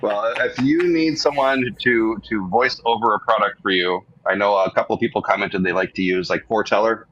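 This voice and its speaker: A man's voice: on the low side, fairly bright tone, muffled recording. A male guest chatting on a livestream, enthusiastic and encouraging. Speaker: guest, indie game publisher. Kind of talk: casual chat.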